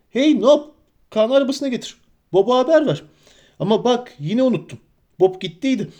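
A fussy, talkative innkeeper who tumbles over his words in a breathless rush, as a male audiobook reader puts him on. His voice rides up high and bright above the narrator's own, and he stays excitable and hurried as he fusses over his guests. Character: flustered, chatty middle-aged male innkeeper. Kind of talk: audiobook character voice.

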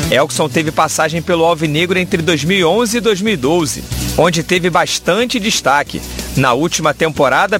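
A man's voice: sits high, fairly bright tone. A man with a Brazilian accent reading scripted sports news as a voice-over reporter. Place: voice-over with music behind.

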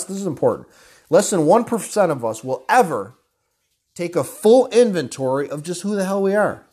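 A man's voice: on the high side, a little mellow, slightly rough. Blunt, angry man ranting. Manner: blunt, profane, repeatedly addressing listeners as guys; angry, intense delivery. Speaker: motivational speaker. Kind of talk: motivational rant to camera.

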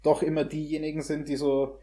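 Here a young adult man with a high-ish, mellow voice speaks briskly but in a monotone. As host of a laid-back film review, he pauses to find his words and mixes English slang into his halting phrasing.

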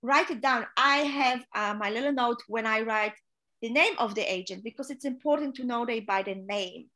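A chief stewardess from Poland, appearing as an interview guest, speaks at a normal pace in a sharp, high-leaning voice. In Polish-accented, non-native English, she gives direct, earnest career advice full of filler sounds.

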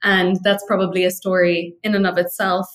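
A young Irish woman from Dublin, a guest on a video call, speaking in an articulate, measured way about her life. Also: on the low side, level tone. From Ireland. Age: young adult. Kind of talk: reflective interview storytelling.

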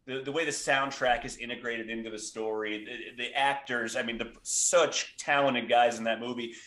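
Chatty man with a bright, roomy sound. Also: medium pitch, steady tone, moderate pace. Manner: rambling, enthusiastic, self-deprecating, frequent restarts. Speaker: podcast guest, author. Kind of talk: casual podcast chat. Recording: roomy echo.

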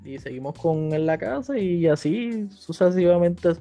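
As a podcast guest and platform founder from Puerto Rico, a man tells his story in a casual interview with a Puerto Rican Spanish accent, packing in slang, English words, and acted-out quotes. His voice sits high and warm with lively intonation and an unhurried pace, and faint music plays behind him.

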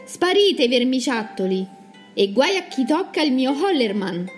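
A woman doing a loud, fearless young hero. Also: high-pitched, very animated, measured pace, faint music behind. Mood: bold. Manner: brash, scolding and mocking. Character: fearless, cocky young man, brash and loud. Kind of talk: children's storybook reading.

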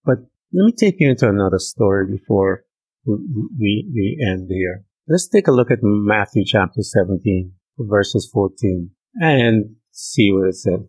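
Male preacher, husky and dark, emphatic conversational sermon, dry close sound. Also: lowish voice, lively intonation, unhurried, dry recording, low-quality recording.

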